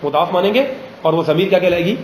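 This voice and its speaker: A man teaching a grammar lesson in a classroom, pausing often to ask students questions and slowing down on examples. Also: high-pitched, a little hiss or hum. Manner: drills students with frequent check questions; slows down to spell out example phrases. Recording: roomy classroom echo.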